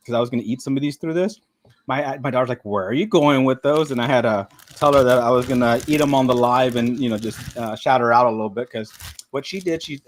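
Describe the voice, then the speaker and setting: A middle-aged man hosting a live stream, chatting casually and rambling with frequent fillers, sometimes talking while eating. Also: fairly high pitch. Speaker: livestream host.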